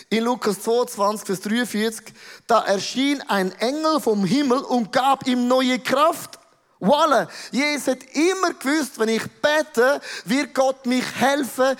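A man's voice: very high-pitched, a bit bright. A man with a Swiss German accent preaching a sermon, emphatic and peppered with English words. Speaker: pastor. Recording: reverberant large hall.

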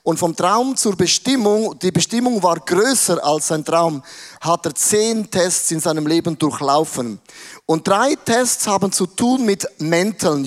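A man preaching casually, retelling a story dramatically with slang. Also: sits high. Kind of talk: sermon storytelling.

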